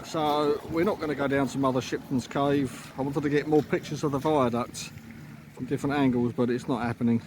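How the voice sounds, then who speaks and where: A man's voice: medium pitch, fairly even intonation, brisk. Man's casual travel vlog, noisy phone recording. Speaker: holiday vlogger. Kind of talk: casual narration of sightseeing on a phone camera. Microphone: handheld phone. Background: clear ambient noise, sometimes rain.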